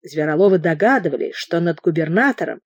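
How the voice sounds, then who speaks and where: Woman narrator, audiobook reading, expressive, dry close sound. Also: on the low side, a little fast, husky, no echo. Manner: expressive reading with character voices.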